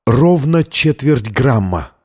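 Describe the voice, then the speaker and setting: A man's voice: fairly low pitch, normal speed, a little mellow, lightly acted. A man voicing a determined young woman scientist in an audiobook, speaking firmly and matter-of-factly.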